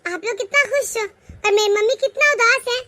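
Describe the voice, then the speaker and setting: Woman doing a squeaky cartoon kid, sharp bright tone, upset and outspoken. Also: normal speed. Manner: pleading, indignant. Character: spirited young girl, hurt and outspoken. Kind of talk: animated cartoon voice acting.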